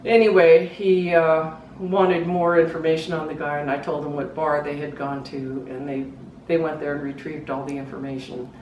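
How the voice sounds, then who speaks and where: A middle-aged woman speaks in an earnest, halting way, telling her story as a grieving mother. Her voice sits somewhat low and sounds roomy, as if caught from across the room. A faint hiss runs underneath. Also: flat delivery, dull audio. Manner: earnest, halting, voice rising and breaking when distressed. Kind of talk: emotional personal testimony. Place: living room at home. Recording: roomy, distant mic, faint background hiss.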